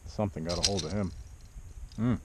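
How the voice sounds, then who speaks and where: Speaking low and briskly, a middle-aged angler and video host offers plain-spoken running commentary in short bursts as he kayak fishes on a lake. The audio comes from an action camera on him or the kayak, sounding dull and muffled under loud outdoor noise.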